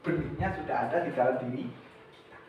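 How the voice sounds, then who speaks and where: A man in his thirties preaching a youth church sermon, emphatic, swinging between loud and soft, with casual slang mixed in. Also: mid-range voice, fast talker, slight background noise. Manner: casual, mixes in everyday slang and English words. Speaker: youth pastor. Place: church hall. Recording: echoey hall, distant dull mic.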